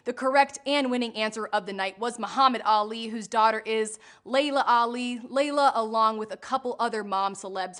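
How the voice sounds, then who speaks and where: A woman's voice: fairly high pitch, bright, forceful tone. A young woman hosting a live trivia game show, bubbly and jokey, laughing at her own puns as she reads out questions and answers.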